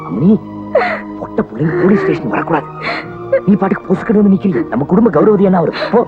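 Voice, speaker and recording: An actor playing a proud village husband, gruff and defiant toward the police and protective of his wife. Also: high voice, sing-song, quick pace. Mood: stern. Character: proud stubborn village man defending his honor. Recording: dull old film soundtrack with music.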